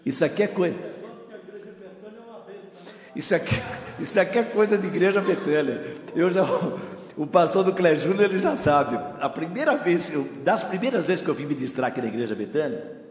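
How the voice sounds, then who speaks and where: A man's voice: fairly high pitch, moderate pace, pauses often. A man preaching as a guest pastor in a church, telling a story and acting out its dialogue. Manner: storytelling with lively acted-out dialogue. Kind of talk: sermon. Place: church hall. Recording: echoey church hall.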